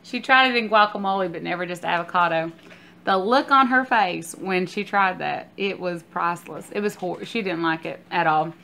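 In a lowish voice with vocal fry and a sharp tone, a woman chats casually to viewers at normal speed, vlogger style, calling them "guys." She's filmed on a phone held at arm's length, and the amateur video is noisy.

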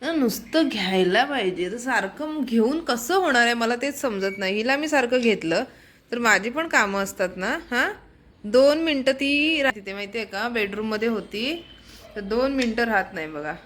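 A woman's voice: a little high, expressive, normal speed, fairly bright tone. Chatty woman talking to her viewers. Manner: chatty, talks straight to viewers; coaxing calls in a raised voice. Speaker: family vlogger. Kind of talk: casual home vlog. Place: home kitchen and hall.

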